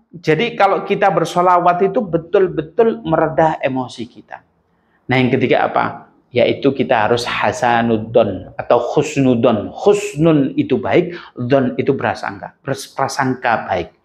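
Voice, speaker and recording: A man giving a lively religious lecture, telling stories and acting out angry voices. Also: mid-range voice. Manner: animated storytelling, acts out angry voices. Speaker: preacher.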